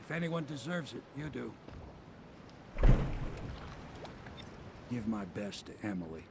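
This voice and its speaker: Gravelly, gruff old sailor. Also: male voice, medium pitch, sing-song, a little fast. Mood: fond, resigned. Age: older. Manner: gruff old fisherman, plain-spoken and earnest. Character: gruff, loyal, weary old sailor and boatman. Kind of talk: video game character dialogue. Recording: loud waterside noise behind. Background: water and boat ambience.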